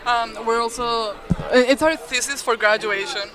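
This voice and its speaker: A woman talks eagerly about her student film. Her voice is high and fairly flat in melody. A busy expo crowd murmurs behind her. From Mexico City. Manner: eager, quick, laughs often. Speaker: animation student. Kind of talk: casual interview chat.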